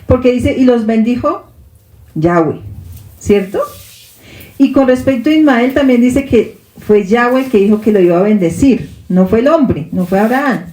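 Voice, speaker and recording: Colombian Spanish woman teacher, mellow and fairly high voice, echoey room, questions for the flock. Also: lively intonation, moderate pace. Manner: checks in with listeners by asking questions. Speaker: Bible teacher. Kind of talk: congregational Bible teaching.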